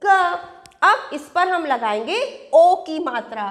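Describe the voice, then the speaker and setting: A woman's voice: high-pitched, lively intonation, slow pace. A young woman teacher leading a children's lesson with sing-song rhymes and call-and-response questions in her phrases. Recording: echoey room with long reverb.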